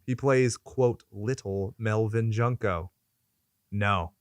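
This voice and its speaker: A man's voice: on the low side, slow, clean tone, no echo. A man hosting a podcast in casual chat, riffing in crude joking rants full of swearing. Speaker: podcast host.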